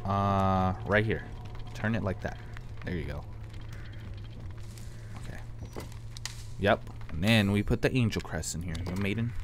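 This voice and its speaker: A young man, a gaming streamer, gives casual, reactive let's play commentary into a headset, full of exclamations, with video game sounds in the background. His voice is low-pitched and unhurried, he pauses often, and there is slight background noise.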